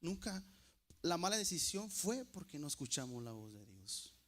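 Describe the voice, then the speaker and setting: A male preacher delivers a sermon in a slightly high voice. He swings between loud and soft, calls the congregation brothers and slows down to repeat key phrases. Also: very animated. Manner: preaches with wide swings in pitch and loudness, repeats phrases slowly for emphasis.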